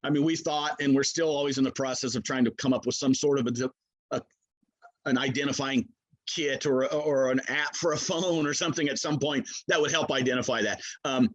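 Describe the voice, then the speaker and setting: A man with a mid-pitched voice gives a casual product explanation as an expert maker. His delivery is folksy and explanatory, often circling back with small hesitant phrases. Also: steady tone, a little fast, lo-fi sound.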